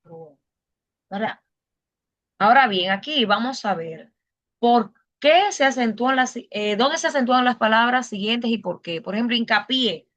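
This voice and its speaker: A woman's voice: a little high, lively intonation, moderate pace, a bit bright, dull audio. A woman teacher leading an online class, patiently asking questions and explaining step by step.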